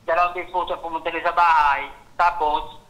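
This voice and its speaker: A man with a Bicol accent speaking haltingly in a radio interview, adding "ma'am" after nearly every phrase. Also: fairly high pitch, flat delivery, a bit bright, highs cut off. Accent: Filipino, Bicol region. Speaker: complainant.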